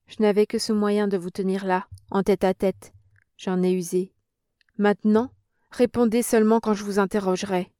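A brave young woman, read by a woman narrator, speaks in a cold, curt and commanding tone. Her voice sits at a middle pitch, close and dry. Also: flat delivery, normal speed, warm tone, clear, resonant tone, no echo, close to an everyday voice.

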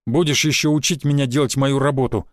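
A man voicing a gruff, dismissive male ship guard who talks in a rough, scornful way. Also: medium pitch, steady tone, fairly quick, no room sound, clean studio sound, natural voice. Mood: threatening.

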